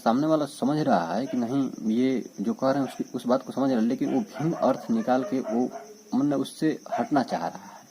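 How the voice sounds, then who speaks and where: A man's voice: lowish voice, warm tone, a little hiss or hum. A man teaching a casual exam-prep lesson. He reads out definitions and verses, then explains them with lots of repetition and fillers. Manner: explains by repeating and reading out definitions, frequent fillers.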